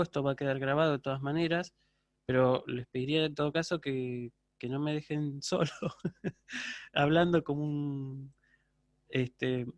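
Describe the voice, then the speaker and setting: A man's voice: a little high, fairly bright tone, no echo, clean studio sound. A man teaching a university Greek class over a video call, patiently checking in with his students. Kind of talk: online lecture.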